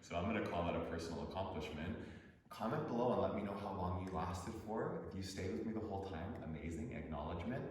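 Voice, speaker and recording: A man's voice: low voice, quick pace, darkish tone, slight background noise. A man leading a yoga session, encouraging his students and laughing often. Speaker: yoga teacher. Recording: very echoey room, long reverb, distant mic.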